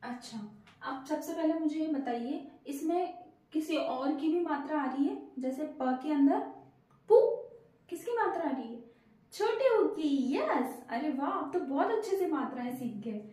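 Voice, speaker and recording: In a very echoey room, a Hindi teacher works with young learners, posing questions patiently and offering praise. Her voice sits high and is a little mellow, animated yet measured in pace.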